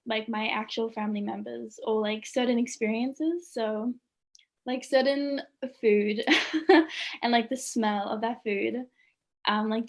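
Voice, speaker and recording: Brief: young student artist, woman, higher voice, casual and chatty, laughs easily. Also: gravelly, dull audio. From Australia. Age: young adult. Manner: chatty, many "like"s, laughs often. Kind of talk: casual interview chat.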